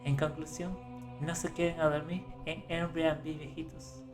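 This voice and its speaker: A man's voice: a little high, measured pace. Man narrating horror stories over faint music. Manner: calm storytelling, rising for tense moments.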